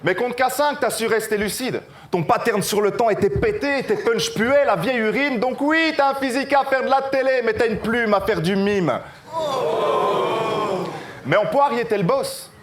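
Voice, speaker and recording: A man with a high voice fires wordplay-heavy insults in a rap battle. The echoey venue gives his voice a roomy ring. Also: moderate pace. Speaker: battle rapper.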